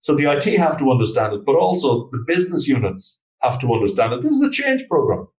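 Recorded from a distance in a roomy, echoing space, this man from Galway, Ireland, speaks fast with a medium pitch, big swings in intonation and a darkish tone. He has a west of Ireland accent and is a trainer and consultant appearing as an interview guest, answering informally and in plain, conversational words.

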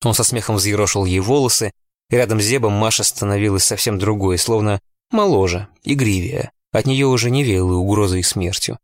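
A man narrating a novel in the first person in a steady, tense storytelling manner. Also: fairly low pitch, brisk, dry recording, clean studio sound. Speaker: audiobook narrator.

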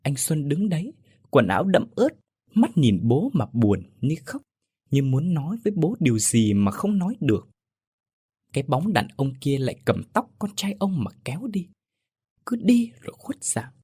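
Guy telling a ghost story, husky, lively pitch, dry close sound. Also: normal speed, dry recording.

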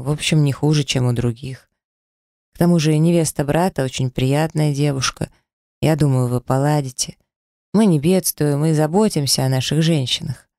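A storyteller voicing an earnest, good-natured young man in love, speaking gently. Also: on the high side, no room sound, studio quality, lightly acted.

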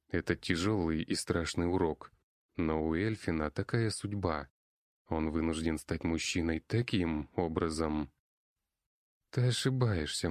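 A man's voice: low voice, darkish tone, dry recording, clean studio sound. A man narrating a first-person fantasy audiobook, urgent and commanding in his own lines. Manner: urgent, commanding when speaking as himself.

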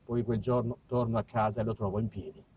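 This southern Italian man, an actor and storyteller, delivers an autobiographical monologue in a colloquial, theatrical style full of dramatic changes. He speaks quickly in a lowish, steady, slightly rough voice. The sound is dry, dull and lo-fi, captured on stage at a distance from the microphone.

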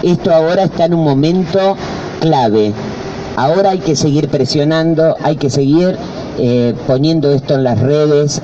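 A man's voice: a little high, warm tone, highs cut off, a little hiss or hum. A man giving an urgent speech at a protest. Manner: urgent, rallying. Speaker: activist speaker.

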